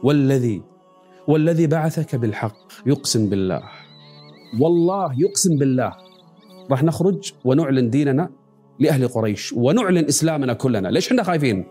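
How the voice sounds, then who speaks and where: A preacher doing a defiant old warrior. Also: male voice, medium pitch, animated, a little fast, faint music behind, natural voice. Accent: Gulf Arabic. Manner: forceful, challenging questions.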